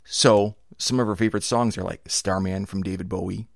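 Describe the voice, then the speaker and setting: Male podcast host, middle-aged, gravelly and lowish with a cold; chatty, rambling, enthusiastic, very dry close sound. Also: steady tone, brisk, dry recording. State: slightly hoarse from a cold. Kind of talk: casual conversational podcast.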